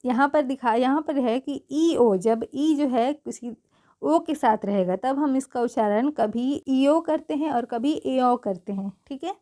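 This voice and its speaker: A woman's voice: high-pitched, a little slow, dark tone. A woman teaching English pronunciation rules in a patient way, spelling words out letter by letter and often checking that the listener has understood. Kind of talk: spelling-rule lesson.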